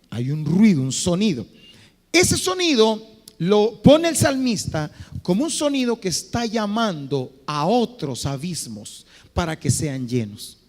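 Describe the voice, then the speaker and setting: A man, a pastor, preaching an impassioned sermon, moving between loud exhortation and quiet, drawn-out phrases. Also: high voice. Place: church hall. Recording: reverberant church hall.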